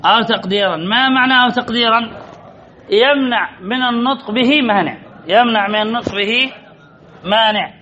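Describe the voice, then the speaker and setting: A male grammar teacher giving a classroom lesson, repeating key phrases and quizzing his students with drawn-out words. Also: extremely high pitch, sharp tone, highs cut off, slight background noise.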